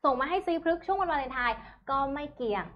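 Young live seller lady, really high chatty sales voice, slightly dull stream audio. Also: quick pace. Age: young adult. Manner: animated, chatty sales patter with polite particles. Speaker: live shopping host. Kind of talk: Thai live-selling promotional chat, urging viewers to order. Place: small bright studio, indoors. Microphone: clip-on lapel microphone.

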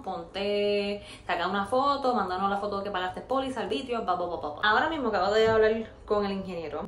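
Animated Puerto Rican woman vlogging. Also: medium pitch. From Puerto Rico. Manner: animated, frank, mixes in English and swears. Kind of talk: casual vlog talk to camera. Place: open-plan office, indoors. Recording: roomy office echo, faint room noise.

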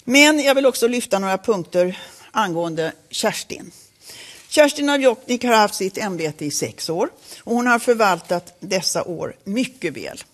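A woman's voice: mid-range voice, animated. Woman giving a formal press statement. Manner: formal, measured delivery with occasional self-corrections. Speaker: board chair at a press conference.

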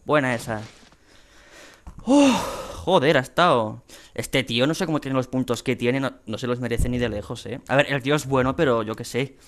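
A man's voice: medium pitch, normal speed. Chatty Spanish gamer narrating his matches. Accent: Spain Spanish. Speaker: gaming channel host. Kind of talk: casual gameplay commentary.

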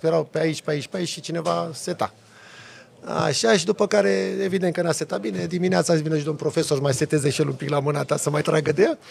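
Gravelly man telling an animated story. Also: fairly high pitch. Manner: animated, lively storytelling with sound effects. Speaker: podcast guest, off-road driver. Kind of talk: casual storytelling.

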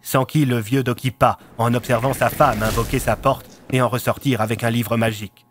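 A male narrator reading a scripted audiobook. He has a medium-pitched voice, tells the story steadily, and is heard over faint music. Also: steady tone, normal speed.

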